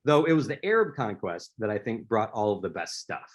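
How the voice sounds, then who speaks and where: Very animated and a little fast, this man's voice sits on the low side. He is an author giving a prepared presentation in a speaker series, telling stories and making a few restarts.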